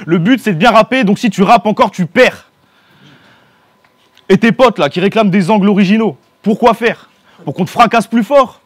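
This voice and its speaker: A man's voice: sits high, no room sound. A man battle-rapping a cappella at a live event, sarcastically taunting his opponent. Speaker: battle rapper. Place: live event before a crowd.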